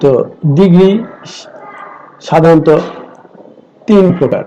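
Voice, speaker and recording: A middle-aged man with a Bengali accent, teaching an online grammar lesson and slowly repeating lists of words. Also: a little high, lively intonation, vocal fry, mellow, muffled recording, a little hiss or hum. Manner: slow, deliberate, repeats word lists. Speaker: English teacher.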